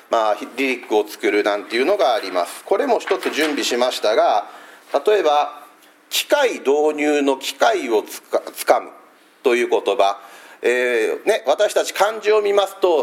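A male pastor giving a church sermon, explaining patiently with frequent hesitant fillers. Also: medium pitch.

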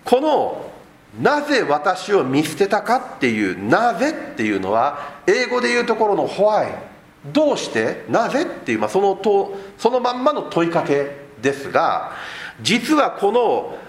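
A male pastor preaches with a high voice that swings up and down. He keeps asking his listeners rhetorical questions as he explains the passage. The sound is echoey, as in a reverberant room. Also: huge pitch swings, measured pace. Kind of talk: sermon.

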